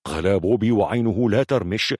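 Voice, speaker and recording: Deep, husky male audiobook narrator. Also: brisk, a little mellow, dry recording, clean studio sound. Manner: dramatic, varied storytelling delivery.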